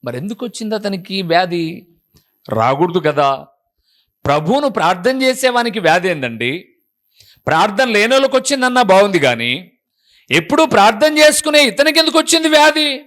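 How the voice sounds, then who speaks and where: A man's voice: sits high, lively intonation, brisk, long pauses, fairly bright tone. A man preaching a sermon as a pastor, pressing the congregation with repeated rhetorical questions.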